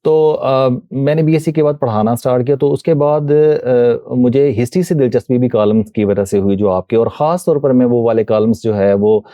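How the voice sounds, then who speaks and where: A middle-aged man from Pakistan, a guest answering interview questions politely and hesitantly, often pausing with fillers. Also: medium pitch, dry recording. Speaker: guest, voice-over reader of columns. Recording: dull muffled dry sound.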